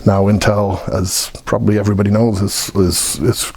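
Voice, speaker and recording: A Dublin-born man in his fifties with an Irish accent, telling his own emigrant life story in a reflective, measured way with pauses and restarts. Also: fairly low pitch, flat delivery, a little mellow, husky, no echo. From Ireland (Dublin). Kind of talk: personal life-story recollection.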